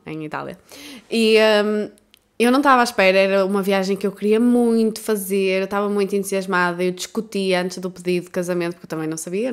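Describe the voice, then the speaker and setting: A woman's voice: medium pitch, smooth. A woman from Portugal with a European Portuguese accent, hosting a reaction video in candid, self-mocking casual chat. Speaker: reaction channel host.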